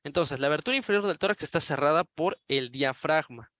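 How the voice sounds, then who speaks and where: A man's voice: fairly high pitch, fairly quick, a bit bright, no room sound. A man teaching an anatomy class, explaining step by step while pointing at images. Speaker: anatomy lecturer. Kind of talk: recorded anatomy lecture.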